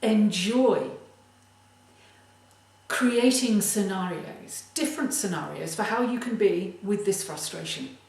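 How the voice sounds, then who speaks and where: Slow, deliberate woman in an echoey room. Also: medium pitch, a little mellow. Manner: slow, deliberate, emphatic delivery. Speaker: creativity coach. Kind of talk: motivational tip talk. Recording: very echoey room, distant mic.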